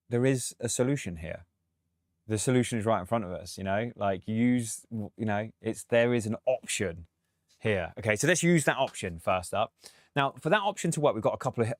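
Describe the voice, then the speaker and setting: Chatty man, low and dry. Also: no room sound. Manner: chatty, thinks aloud, laughs often. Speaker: music producer. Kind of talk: live-stream production tutorial.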